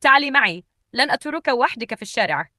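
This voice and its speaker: Woman doing a disguised rich older man, calm, weary, earnest, dry close sound. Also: sits high, quick pace, dry recording, voice pushed up.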